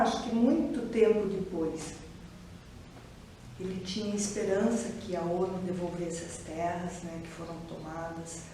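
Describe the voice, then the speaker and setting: A woman with a Curitiba Brazilian Portuguese accent speaks slowly and thoughtfully, pausing often as she reflects in an interview. Her voice is mellow and warm. It was recorded from some distance in a very echoey room, with faint ambience behind her. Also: mid-range voice, slight background noise. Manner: reflective, hesitant, many pauses and restarts. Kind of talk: personal testimony interview.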